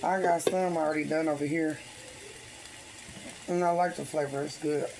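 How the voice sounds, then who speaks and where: A woman with a low voice talks in a loose, off-the-cuff way as a home cook. Her breathing is heavy, and there is clear sizzling kitchen noise behind her. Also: fairly even intonation, normal speed, darkish tone. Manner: breathing heavily; informal, off-the-cuff. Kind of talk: casual cooking chat. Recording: noisy kitchen, sizzling frying pan. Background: food frying and sizzling.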